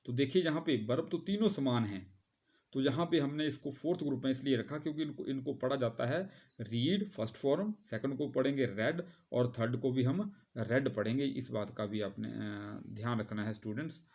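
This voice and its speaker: Man, teacher, classroom grammar lesson, talks to students, spells words slowly, hesitant pauses, mid pitch. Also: darkish tone.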